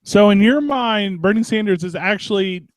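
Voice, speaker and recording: A man's voice: high voice, moderate pace, dry recording. A man co-hosting a talk radio show in casual chat, playful and teasing. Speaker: radio co-host.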